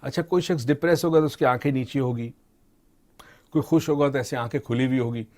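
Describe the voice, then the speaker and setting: Calm explaining middle-aged man. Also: mid-range voice. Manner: calm teaching tone, mixes English terms into Urdu. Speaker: expert guest on motivation and mind training. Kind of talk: explanatory discussion.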